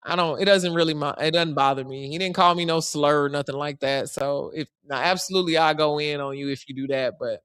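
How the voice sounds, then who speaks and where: This is casual live-stream talk from a Chicago woman who addresses her viewers directly, bluntly and with slang. Her deep voice is smooth and a bit bright, and she talks fairly quickly with hardly any pauses, with no room sound in the recording.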